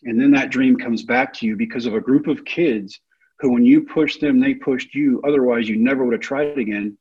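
Guy with a breathy husky voice, vivid storyteller, kinda muffled recording. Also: mid-range voice, a little fast. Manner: vivid, self-deprecating storyteller. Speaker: guest speaker. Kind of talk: personal storytelling talk. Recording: dull lo-fi recording.

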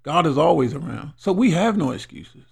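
Gravelly, husky man giving an emphatic motivational talk. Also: a little high, sing-song, moderate pace, a little mellow. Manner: emphatic, exhorting, repeats phrases for weight. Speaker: podcast host.

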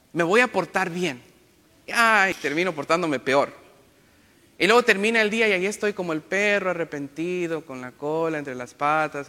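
High, bright-voiced priest with a playful homily. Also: male voice. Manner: playful, jokey asides and self-corrections; imitates other people's accents. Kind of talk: Sunday homily. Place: church. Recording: long church reverb.

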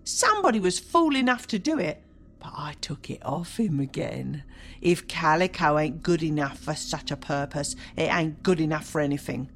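A woman's voice: low voice, expressive, moderate pace, slight background noise. A woman reading aloud, voicing a brash, coarse old charwoman. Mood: gloating.

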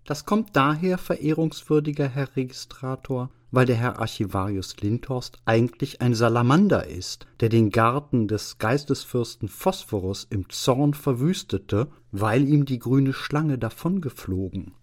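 A man reading aloud as a dreamy young male student, speaking in a raised, excited voice. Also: medium pitch, measured pace, hardly any pauses, pitched above the performer's own voice. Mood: rapturous.

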